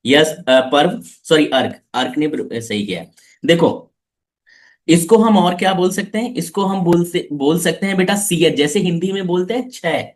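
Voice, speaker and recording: A man teaching a live online class for children, coaxing them with repeated questions. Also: fairly high pitch.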